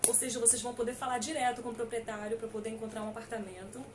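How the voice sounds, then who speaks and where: A woman's voice: a little high, flat delivery, racing, distant mic, noisy background. A middle-aged Brazilian woman lawyer giving an informal talk, hesitant with many fillers and emphatic on key points. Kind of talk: informal lecture.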